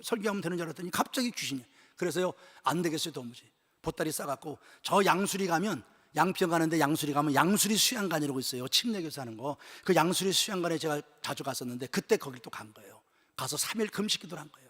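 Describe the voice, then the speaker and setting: Impassioned husky-voiced male pastor preaching. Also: high-pitched. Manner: emotional storytelling, swinging from loud exclamations to hushed whispers. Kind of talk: sermon at a church retreat. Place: church sanctuary. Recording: echoey church hall with long reverb.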